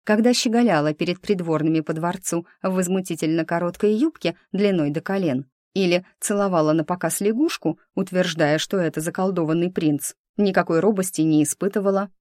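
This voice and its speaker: Low-voiced woman narrating an audiobook. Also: darkish tone, dry recording, studio quality. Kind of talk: audiobook narration, first person.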